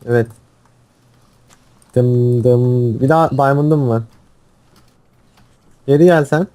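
A young man playing a game with a friend, his voice sitting a little high. He fires off quick commands and hums to himself between moves, swearing when things go wrong. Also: mellow. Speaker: gamer. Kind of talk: casual gaming chat.

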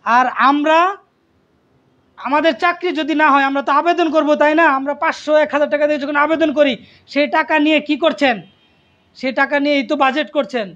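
A man with a strikingly high-pitched voice delivers an impassioned appeal. He pleads, repeats his phrases and keeps asking rhetorical questions. The recording is dull and lo-fi. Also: steady tone, brisk, a bit bright. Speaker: activist. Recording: dull lo-fi sound.

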